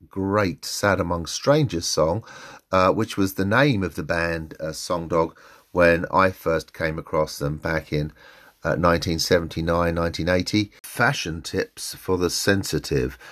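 A man introducing his show in a rambling, loose way with plenty of fillers. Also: deep voice. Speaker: podcast host.

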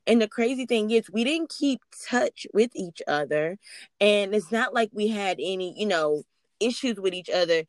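A woman hosting a faith-based podcast interview, telling her stories in an animated way. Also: mid-range voice, normal speed, no echo. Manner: animated storyteller, acts out quotes. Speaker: podcast host.

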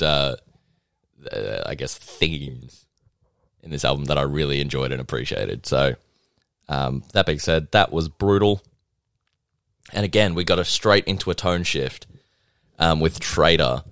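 Young male music reviewer with a deep voice; loose, chatty, self-mocking delivery full of fillers. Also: a little slow, long pauses, fairly bright tone, no echo, studio quality. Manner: chatty, rambling, self-deprecating, lots of ums and likes. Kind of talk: casual album review monologue.

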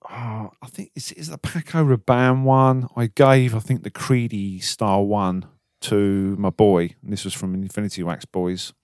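A man's voice: lowish voice, steady tone, measured pace, a little mellow, no room sound, clean studio sound. A middle-aged man co-hosting a podcast, chatting casually with teasing banter and little anecdotes. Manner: bantering, anecdotal, informal British slang. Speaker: podcast co-host. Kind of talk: casual chat about car detailing.

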